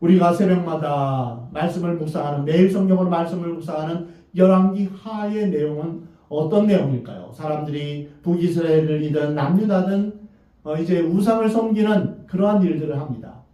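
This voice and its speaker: A man preaching a sermon to his congregation, earnest and measured, and he often puts rhetorical questions to his listeners. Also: on the high side, warm tone. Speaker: pastor. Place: church sanctuary. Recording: very echoey, distant, dull church recording.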